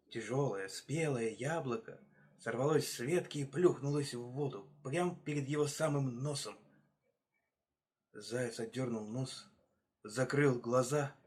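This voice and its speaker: A male actor reading a folk tale aloud as a bedtime story, expressive and unhurried. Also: medium pitch.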